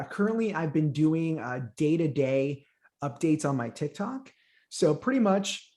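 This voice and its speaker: A man's voice: a little high, a little mellow. A young man from Honduras whose first language is Spanish, chatting eagerly as an interview guest and often repeating words as he starts a thought. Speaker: guest, Titanic content creator. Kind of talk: casual interview chat.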